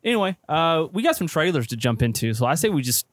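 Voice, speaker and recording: A man's voice: a little high, very animated, fast, no echo. A man co-hosting a casual movie podcast, talking with enthusiasm and plenty of fillers. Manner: enthusiastic, chatty, many fillers. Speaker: podcast co-host.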